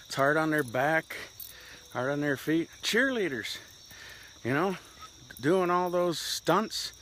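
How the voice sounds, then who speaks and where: Slow-talking, slightly winded man walking outdoors. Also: fairly high pitch, fairly bright tone, a little hiss or hum. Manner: rambling, reflective, talking while walking. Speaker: vlogger. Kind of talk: casual walk-and-talk monologue. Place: outdoors on a walk.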